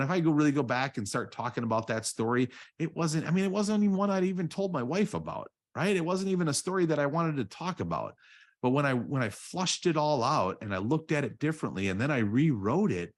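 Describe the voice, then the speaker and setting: A man in his forties, a guest on a podcast, telling a candid personal story in a halting way, repeating words and often asking "right?". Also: medium pitch. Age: 40s. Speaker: guest, real estate coach.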